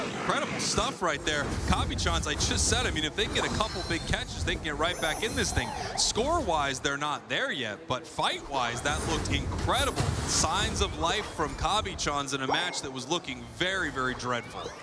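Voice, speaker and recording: A man's voice: on the high side, sing-song, moderate pace, few pauses, very noisy. A man working as an esports caster, giving emphatic analysis and commentary on the match. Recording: loud music under the voice.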